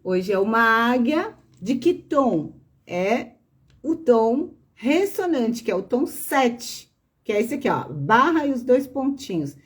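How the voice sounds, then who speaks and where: A woman's voice: a little high, very animated, slow pace. A woman with a Brazilian Portuguese accent, a tarot reader and teacher who explains patiently on a live stream, often ending phrases with a questioning tag and greeting viewers by name. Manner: patient explaining, tags lines with "né?".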